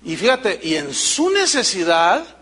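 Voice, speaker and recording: A pastor preaches a sermon. His voice sits high for a man, and he tells stories with energy, acting out the people in them. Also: measured pace, breathy edge. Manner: animated storytelling, acts out quoted voices.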